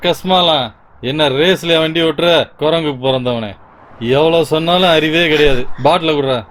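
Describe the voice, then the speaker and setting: A man voicing a bad-tempered boss who owns the car, abrasive and insulting, in a slightly high voice. Dubbed film dialogue with faint noise behind. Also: normal speed, fairly bright tone, lightly acted. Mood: irritated.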